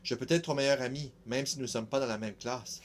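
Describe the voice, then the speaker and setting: Teen boy reading as excited little Louis. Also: medium pitch, quick pace, a little hiss or hum, close to an everyday voice. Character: small cheerful schoolboy Louis.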